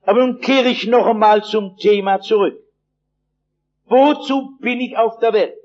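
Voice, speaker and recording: A man's voice: sits high, a little slow, darkish tone, dull audio. A male preacher delivering a sermon, telling stories vividly and emphatically with dry humor.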